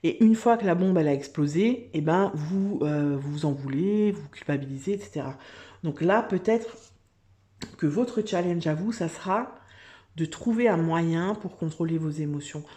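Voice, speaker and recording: Female tarot reader for a video channel, relaxed dark tone, chatty and hesitant. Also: low-pitched, normal speed. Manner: chatty, hesitant with many fillers. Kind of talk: casual tarot reading monologue.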